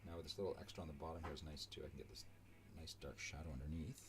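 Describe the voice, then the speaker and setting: A man's voice: extremely low pitch, steady tone, racing, background noise. A man giving casual, rambling commentary into a desk microphone while he draws digital art on a live stream. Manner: rambling, chatty and self-deprecating. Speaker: digital artist streaming his work. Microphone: desk microphone with a level meter.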